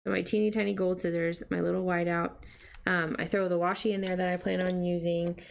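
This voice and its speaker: A woman's voice: lowish voice, level tone, brisk, gravelly, a little hiss or hum. A young adult woman chatting casually and rambling with many fillers while she decorates her planner. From United States. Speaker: planner vlogger. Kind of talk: casual plan-with-me chat.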